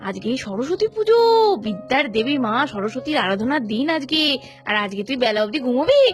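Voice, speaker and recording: A woman narrating a cartoon and voicing a busy mother, hurried and chiding. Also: a little high, big pitch swings. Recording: cartoon audio with faint music.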